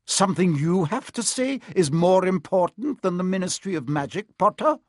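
A strict, brisk older female professor from a storybook, voiced by a man. The voice is pitched high and swings sharply, with clipped, coldly formal and imperious delivery. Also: big pitch swings, a little mellow, no echo, clean studio sound. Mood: cold, reproving.

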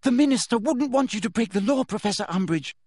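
An earnest storybook schoolgirl, performed by a man, pleads in a high voice. She sounds anxious and fretful, halting between phrases, with very animated pitch. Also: breathy edge, no echo, studio quality, heavily acted. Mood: alarmed.

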